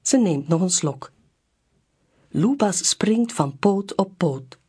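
A woman reading a children's picture book aloud in a slow, clear storybook delivery. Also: lowish voice, lively intonation, warm tone.

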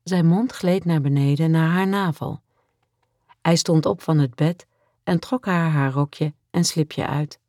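Slow, low-voiced woman narrator. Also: dry recording, clean studio sound. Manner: calm and measured. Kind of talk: audiobook narration of a romance novel.

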